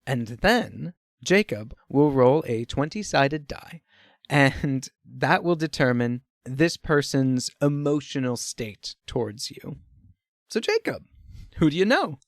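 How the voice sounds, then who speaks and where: Fast-talking game master, dry mic. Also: male voice, mid-range voice, animated, no echo. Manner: rapid, reassuring, often laughing. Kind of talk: tabletop game narration to listeners.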